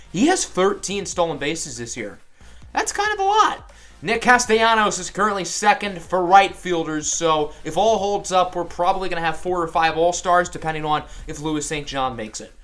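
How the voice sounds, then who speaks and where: A young man giving upbeat, excitable sports-announcer style play-by-play over a baseball video game, recorded at a desk mic in a home setup. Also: fairly high pitch. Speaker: gaming YouTuber.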